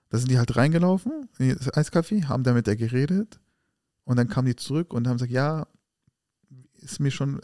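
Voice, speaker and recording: A man talks fast and keeps acting out everyone's lines as he retells what happened. His voice is dark and mellow, and the recording is close and dry. It sounds like a casual podcast chat. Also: mid-range voice, dry recording. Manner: animated retelling that acts out quoted dialogue. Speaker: podcast co-host. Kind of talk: casual conversation and storytelling.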